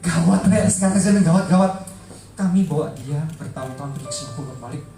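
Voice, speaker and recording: A middle-aged man gives an emotional, heartfelt testimony in a large church hall, speaking emphatically and repeating words for stress. His voice is a little high, animated, fast and mellow, with vocal fry. The recording is echoey, taken from a distant mic, with faint music behind him.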